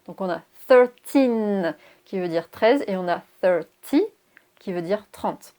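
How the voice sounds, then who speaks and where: A woman teaching English pronunciation in a video lesson. She explains clearly and spells words out letter by letter. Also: fairly low pitch, fairly even intonation, moderate pace, a little mellow.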